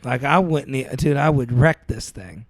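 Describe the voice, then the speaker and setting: A man's voice: mid-range voice, moderate pace, dry recording. A man as a podcast guest, casually telling loose, rambling stories and saying "dude" often, on a close mic. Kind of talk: casual chat.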